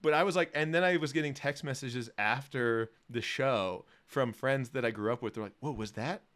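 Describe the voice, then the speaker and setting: A hoarse man co-hosting a podcast, with a voice of middling pitch. He tells stories in an animated way and fires off quick jokes. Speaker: podcast co-host. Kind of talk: casual podcast storytelling.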